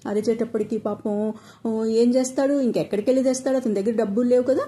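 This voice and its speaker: Mellow-voiced woman telling a folk tale. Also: on the high side, fairly even intonation, fast talker. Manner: acts out each character's lines in quotes with little change of voice. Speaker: storyteller. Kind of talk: storytelling narration.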